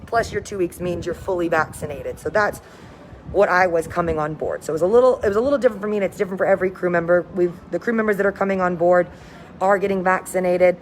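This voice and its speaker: A woman's voice: fairly low pitch, fast talker. An upbeat, enthusiastic woman cruise director giving a casual livestream update to viewers. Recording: noticeable background noise, windy ambience.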